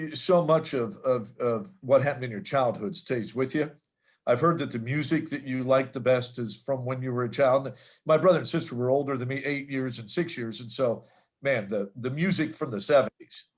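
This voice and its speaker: A man in his fifties co-hosting a podcast, musing aloud in a reflective, chatty way. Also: medium pitch. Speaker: podcast co-host. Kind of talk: casual chat.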